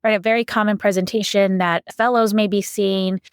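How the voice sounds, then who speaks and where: A woman co-hosting a medical podcast, methodical and organized as she maps out the topics ahead. Her voice sits at a middle pitch and sounds dry and close, with no room echo. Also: steady tone, brisk, clear, resonant tone. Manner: organized, lays out a roadmap step by step. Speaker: podcast co-host, physician.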